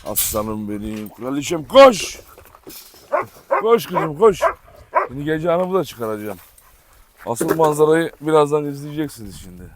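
A man's voice: on the high side, animated, moderate pace, background noise. A man vlogging outdoors in a yard, chatting with viewers and playfully calling and scolding his dogs. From Turkey. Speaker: vlogger, dog owner. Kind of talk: casual vlog talking to dogs and viewers.

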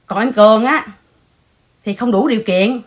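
A woman hosting a casual livestream chat, animated and repetitive, speaking straight to her viewers. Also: a little high, normal speed. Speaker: channel host.

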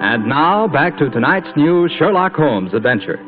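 An American man works as an old-time radio announcer, pitching and narrating in a folksy way. His voice is slightly high and very animated. The sound is band-limited, like a 1940s broadcast. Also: moderate pace, narrow, tinny audio, over loud music. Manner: folksy, salesmanlike.

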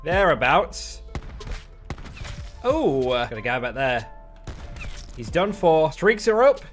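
A young man streaming, giving excitable running commentary on his gameplay from a close mic. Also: on the high side, slow, faint music behind. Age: young adult. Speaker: gaming streamer.

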